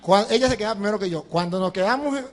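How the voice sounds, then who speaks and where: A man's voice: sits high, very fast. A male priest preaching a sermon, telling a humorous story with laughter and imitating the people in it. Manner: animated, laughing, mimics others in anecdotes.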